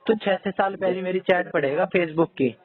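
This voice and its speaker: A man's voice: high voice, moderate pace, dry recording. Frustrated rambling man, tinny sound. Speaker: podcast co-host. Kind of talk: casual chat. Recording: tinny phone-like sound with faint music.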